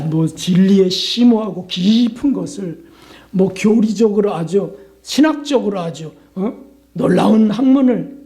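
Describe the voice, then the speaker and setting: A man who is a pastor, preaching a Lenten sermon in an animated way, with sudden rises in pitch and loudness, quick questions to the congregation and hushed whispers for emphasis. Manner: keeps asking the congregation questions such as "right?".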